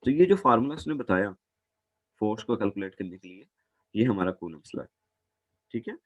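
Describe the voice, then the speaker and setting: Man, physics teacher, low voice, dry close sound, patient, repeats each step. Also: sing-song, a little fast, dry recording, dull audio. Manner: patient, repeats points, calls students "beta". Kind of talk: classroom lecture.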